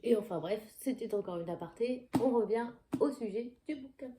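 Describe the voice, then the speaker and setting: A woman's voice: fairly high pitch, normal speed, reverberant, noisy background. A woman chatting casually in a book haul video, digressive and full of hesitations, reading book blurbs aloud. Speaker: book vlogger.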